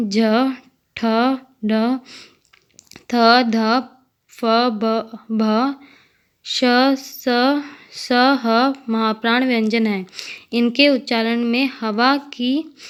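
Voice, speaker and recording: Woman teacher reading notes, slow and careful, smooth clear voice. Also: fairly high pitch. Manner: slow, careful dictation of letters and words. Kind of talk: reading exam-prep notes aloud.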